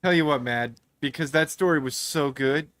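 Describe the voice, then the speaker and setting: A man's voice: on the high side, moderate pace, fairly bright tone, no room sound, studio quality. A man in casual podcast chat, making teasing jokes at his co-host.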